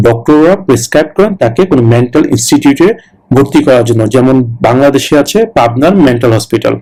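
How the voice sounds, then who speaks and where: A man teaches a citizenship test lesson at a middling pitch. He says each English word slowly and deliberately, repeats it, and then explains it in quick, patient bursts. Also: a little mellow, poor audio.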